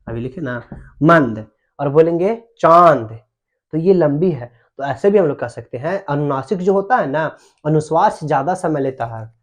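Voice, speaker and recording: Higher-pitched man teaching a grammar class. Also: a little mellow. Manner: explains slowly, checks understanding with repeated questions. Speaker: Hindi teacher.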